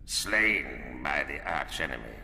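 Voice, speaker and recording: An actor playing a stern, grim warrior commander with a guttural, rumbling voice made harsh by shouting, who speaks in slow, solemn pronouncements. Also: male voice, very animated, gravelly, a little hiss or hum, heavily acted. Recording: booming hall reverb.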